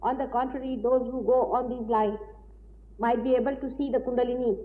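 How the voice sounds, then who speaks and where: A woman giving a deliberate, explanatory spiritual lecture, heard on an old tape recording. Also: on the high side, steady tone. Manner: deliberate, explanatory, with frequent pauses. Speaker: spiritual teacher. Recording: tinny old lecture tape with faint hiss.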